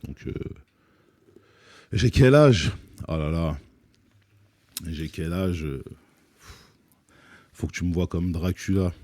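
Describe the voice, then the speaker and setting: Very deep-voiced man, dark and dry. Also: expressive, slow, long pauses, dry recording. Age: 30s. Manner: hesitant, many fillers and restarts, joking. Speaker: rapper guest on a live music stream. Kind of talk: relaxed live Q&A chat. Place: studio set.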